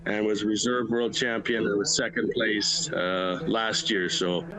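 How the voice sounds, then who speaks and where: A middle-aged man from Manitoba with a Canadian Prairie accent, talking casually as an interview guest. His voice sits a little low, and he is plain-spoken, phrasing things in short bursts. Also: level tone, unhurried, a crowd in the background, poor audio. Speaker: livestock auctioneer, interview guest.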